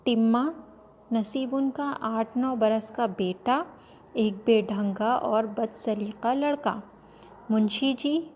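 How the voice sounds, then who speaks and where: A woman teacher reading a play lesson aloud to pupils, in a slow and careful voice. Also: on the high side, darkish tone, in a large hall.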